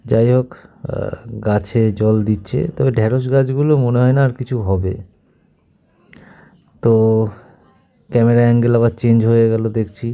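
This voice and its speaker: A man with a mid-range, steady and mellow voice and a slight sore throat narrates a family vlog about his wife's day. The casual voice-over moves at a moderate pace with long pauses, rambling, repetitive and self-mocking.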